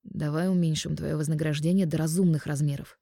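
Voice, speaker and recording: A woman's voice: sits low, steady tone, fairly quick, gravelly, mellow, no room sound, studio quality. A woman voicing a pushy young man who haggles, in an audiobook reading. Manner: pushy, wheedling bargaining. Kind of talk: audiobook narration.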